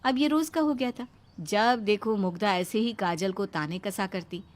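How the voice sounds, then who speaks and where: A woman giving steady scripted narration for a cartoon moral story. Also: mid-range voice, normal speed.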